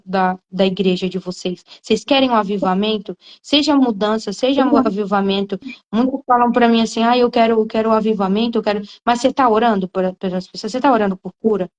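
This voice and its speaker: A woman's voice: mid-range voice, a little fast, rough recording. A woman giving a casual spoken testimony, earnest and often repeating her words as she talks to her listeners.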